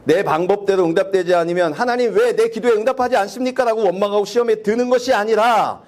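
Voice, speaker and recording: A man's voice: high-pitched, darkish tone. A man from South Korea, a pastor preaching a sermon in church, asking the congregation questions and acting out prayers. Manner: acts out quoted prayers in a raised, slowed voice. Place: church sanctuary.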